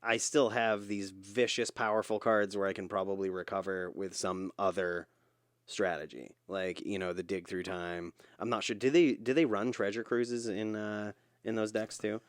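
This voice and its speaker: A man's voice: on the low side, fairly even intonation, moderate pace, dry recording, clean studio sound. A man co-hosting a podcast in easygoing casual chat, full of "you know" fillers. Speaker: podcast co-host.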